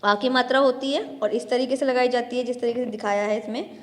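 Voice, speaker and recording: A woman's voice: fairly high pitch, steady tone, long reverb tail. Patient woman teacher spelling out syllables. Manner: spells out syllables slowly, stretching long vowels; addresses children directly, patient explaining tone. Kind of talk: grade-one grammar lesson.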